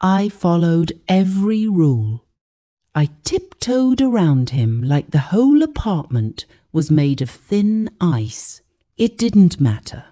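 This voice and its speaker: Slow, dark-toned woman storyteller. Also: fairly low pitch, sing-song. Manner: slow, hushed and dramatic. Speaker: narrator. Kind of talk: scripted storybook narration.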